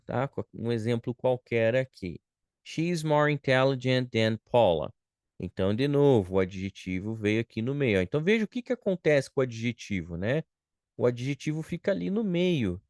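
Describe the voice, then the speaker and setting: A Brazilian man teaching English grammar online, patient and deliberate, stretching out example phrases and checking in with the class. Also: medium pitch, darkish tone, no echo, studio quality. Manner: patient, drawn-out model phrases with frequent "ó" and "tá?" check-ins; slow and deliberate.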